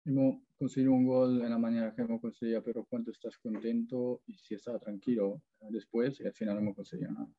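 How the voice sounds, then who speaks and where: A man interpreting press-conference questions in quick, summarizing speech. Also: medium pitch, level tone, no room sound, narrow, tinny audio.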